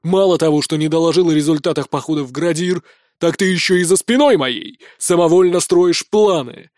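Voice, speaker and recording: A man voicing a wrathful, domineering king scolding his son in an audiobook, with a booming, shouting delivery. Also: expressive, normal speed, no room sound, clean studio sound, natural voice. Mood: furious. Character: wrathful middle-aged male king, domineering father. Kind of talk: audiobook character voice.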